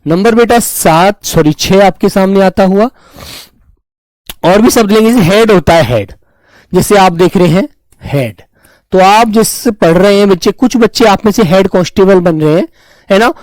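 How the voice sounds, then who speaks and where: A man's voice: high voice, expressive, normal speed, a little mellow, dry recording, poor audio. A man teaching grammar in an online class, fondly calling his students children, repeating each term and answering viewers' comments.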